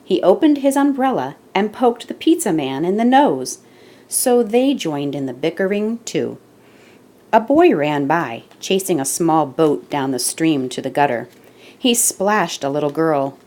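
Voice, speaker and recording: A woman with a low voice reads a children's picture book aloud as storyteller and host, giving the words deliberate, expressive emphasis.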